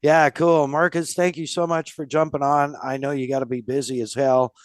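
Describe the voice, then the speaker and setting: A man's voice: fairly high pitch, level tone, moderate pace, no echo, studio quality. A man hosting a casual podcast, friendly and loose, laughing often. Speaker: podcast host.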